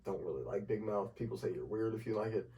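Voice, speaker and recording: Young man, podcast co-host, casual, opinionated, mellow dark tone, slightly distant from mic. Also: lowish voice, expressive, fast talker. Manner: laid-back, opinionated, swears casually. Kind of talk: casual chat.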